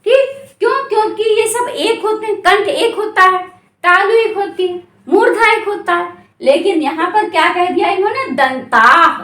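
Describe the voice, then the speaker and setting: A woman's voice: very high voice, bright, forceful tone. A woman teaching a Sanskrit grammar exam-prep lesson, asking questions and answering them herself, drawing out syllables to stress them. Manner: slow, drawn-out syllables when stressing sounds. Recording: echoey room.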